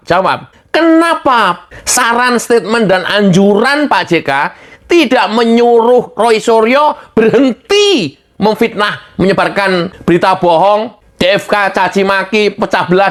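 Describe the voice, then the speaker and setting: A woman giving a heated political rant, exasperated and scolding, firing off rhetorical questions. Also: lowish voice.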